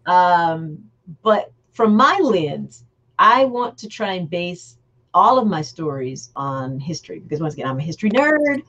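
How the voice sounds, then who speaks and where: A woman's voice: on the low side, big pitch swings, a little slow, fairly bright tone, lo-fi sound. A woman, a guest author, talking earnestly and at length in a casual chat over a video call. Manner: earnest, emphatic, explaining at length.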